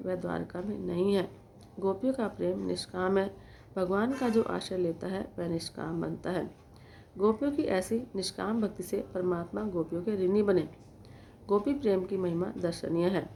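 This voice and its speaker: A woman giving a devotional scripture discourse, recited in a slow, measured way. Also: medium pitch, vocal fry, dark tone, a little hiss or hum. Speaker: devotional storyteller.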